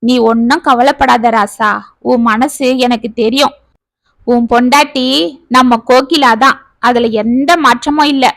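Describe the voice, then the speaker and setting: A woman storyteller voicing a gentle, long-suffering aging village father who speaks tenderly to his children. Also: on the high side, steady tone, a little slow, no room sound.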